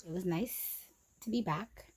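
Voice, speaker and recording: Young woman, lower voice, candid vlog, repetitive, trails off quietly, near tears. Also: a little slow, a little hiss or hum, rough recording. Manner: many fillers and restarts, drifting soft and quiet. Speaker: vlogger. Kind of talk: emotional personal story vlog.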